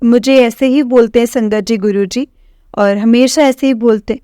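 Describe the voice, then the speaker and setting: A woman's voice: on the high side, fairly even intonation, normal speed, mellow, clear, resonant tone, dry recording, studio quality. A woman from Punjab with a Punjabi accent, earnestly and emotionally sharing her devotional testimony with the congregation, repeating her phrases. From Punjab, India.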